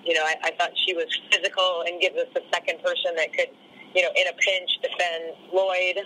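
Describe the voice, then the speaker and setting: A woman's voice: on the low side, flat delivery, fairly quick, bright, forceful tone, low-quality recording. A woman head coach answering questions in a post-game interview, rambling and full of "you know" fillers.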